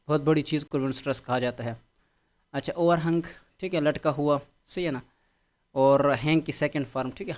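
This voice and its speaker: A man teaching a vocabulary lesson, explaining patiently and checking in often with his students. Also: a little high. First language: Urdu. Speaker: English teacher.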